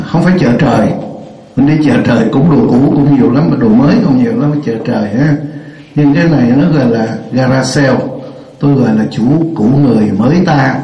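An older man teaching a classroom lesson, chatty and joking, repeating words slowly so they sink in. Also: mid-range voice. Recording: roomy, dull lo-fi classroom recording.

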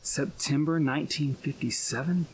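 A man's voice: medium pitch, expressive, moderate pace, slight background noise, close to an everyday voice. An actor playing a skeptical man questioning a ghost in a film drama, speaking in an incredulous, questioning way.

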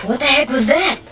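A flustered high school jock who sounds like a girlish pixie. The pitch leaps about animatedly as this blunt athlete complains, in the style of a TV teen comedy. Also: pushed and bright, full character voice. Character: teenage football jock stuck with a girlish voice.

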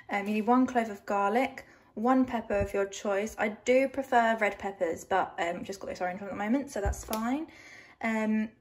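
A young woman talking casually to her vlog camera, chatty and easygoing, with frequent ums as she explains how she cooks. Her voice sits at an everyday middle pitch. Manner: chatty, filler-heavy recipe talk; soft, quiet morning talk. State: tired morning voice. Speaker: vlogger.

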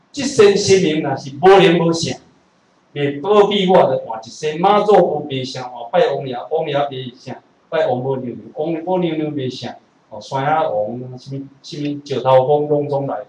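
A man from Taiwan with a Taiwanese accent, giving a classroom lecture in an animated way, with rhetorical questions and joking asides. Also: medium pitch, slight background noise. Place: lecture room. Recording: echoey room from a distance.

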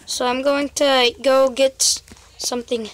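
With a high pitch, flat delivery and slow pace, a young woman commentates gameplay for her channel, chattily calling out to viewers as "guys" again and again. A slight background noise sits behind her.

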